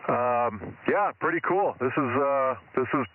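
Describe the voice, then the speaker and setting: Man, ham operator heard over a tinny two-way radio, halting and restarting, faint hiss. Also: medium pitch, lively intonation. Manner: hesitant, restarts often, ends turns with 'over'. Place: outdoors on a hilltop by his truck.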